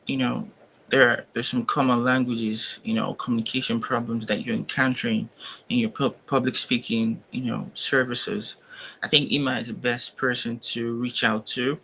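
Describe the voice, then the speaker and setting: Bright, gravelly-voiced man hosting an interview. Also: medium pitch, a little hiss or hum, low-quality recording. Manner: rambling, with many "you know" fillers and repeated words. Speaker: interview host.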